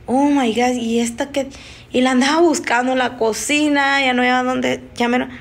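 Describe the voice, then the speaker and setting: Woman streamer retelling a scare, slightly high voice, halting and emotional, restarts mid-sentence. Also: steady tone, vocal fry. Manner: halting, emotional, with frequent restarts and nervous laughs. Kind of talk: casual spoken storytelling.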